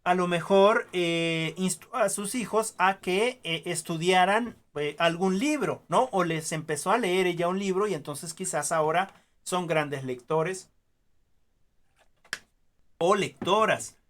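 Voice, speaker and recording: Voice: medium pitch, slow. A teacher gives an online class, explaining through stories and examples, with many filler sounds and questioning tags.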